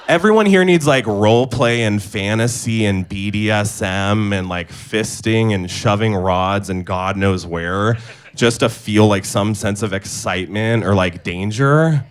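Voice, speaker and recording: A young man from Indonesia performing a stand-up comedy set, delivering absurd punchlines in a deadpan way on a club stage. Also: lowish voice. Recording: live club set with clear audience noise.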